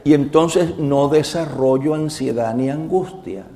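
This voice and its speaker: Gravelly-voiced man telling lecture anecdotes. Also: fairly high pitch, a little slow, mellow. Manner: storytelling, acting out both sides of remembered conversations; humorous, teasing the audience. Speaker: visiting professor giving a doctrinal lecture. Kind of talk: lecture told through personal anecdotes. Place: lecture before a live audience.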